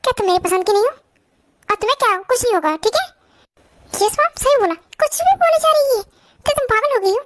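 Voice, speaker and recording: A woman doing a shrill scolding mother-in-law. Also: animated, a little fast, long pauses, slight background noise. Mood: scolding, worried. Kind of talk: Hindi fan audio drama.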